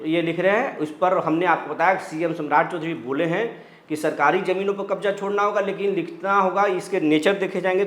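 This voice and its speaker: A man with a somewhat high voice hosts a news commentary, calmly explaining and reading viewers' comments aloud. His delivery is reassuring and steady, with pauses between phrases. The recording has a noticeable roomy echo. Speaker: news channel host.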